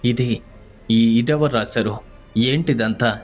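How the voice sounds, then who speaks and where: Casting: man voicing a laid-back young male coworker, chatty and bewildered, mid-pitched, soft music underneath. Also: slow, natural voice. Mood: frightened. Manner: casual, says "bro".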